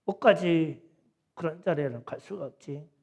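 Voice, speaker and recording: Male pastor, middle-aged, gravelly voice, folksy storytelling sermon, emphatic, church. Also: on the high side, moderate pace. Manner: folksy, emphatic, swings between soft asides and loud insistence. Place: church sanctuary.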